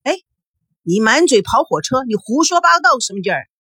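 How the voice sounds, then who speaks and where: A woman's voice: high-pitched, sing-song, moderate pace, bright, forceful tone, breathy edge, no echo, studio quality, pitched above the performer's own voice, exaggerated voice. A woman voicing a hot-tempered middle-aged father who barks angry orders.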